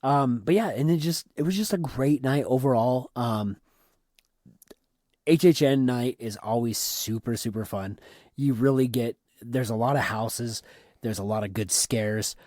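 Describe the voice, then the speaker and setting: A man co-hosting a podcast, chatting casually and excitedly about a theme park trip, often repeating words. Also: medium pitch, unhurried, no room sound, clean studio sound. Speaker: podcast co-host. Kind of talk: casual trip recap chat.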